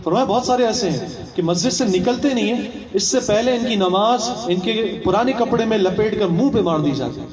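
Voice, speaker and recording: High-voiced preacher in an echoey hall. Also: male voice, darkish tone, distant mic. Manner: asks rhetorical questions, repeats phrases, mixes in English words. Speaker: religious instructor. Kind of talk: religious training talk.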